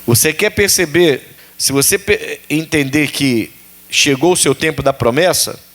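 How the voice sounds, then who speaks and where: A man's voice: fairly high pitch, a little slow, fairly bright tone. A man preaching a sermon as pastor, repeating phrases and putting questions to the congregation.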